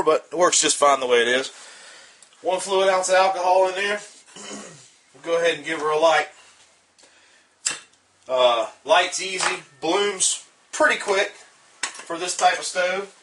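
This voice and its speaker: A man with a Southern US accent giving a casual how-to demonstration of a homemade stove, relaxed and rambling, with lots of uh and um fillers. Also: high-pitched. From Southern United States. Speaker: outdoor gear hobbyist demonstrating a stove.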